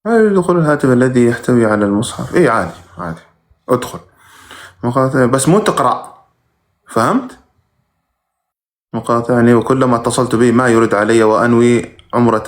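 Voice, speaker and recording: A man's voice: mid-range voice, animated, fairly quick, pauses often. A man who teaches religion, reading viewers' questions aloud during a live stream and giving brief, plain answers with sudden emphatic rises.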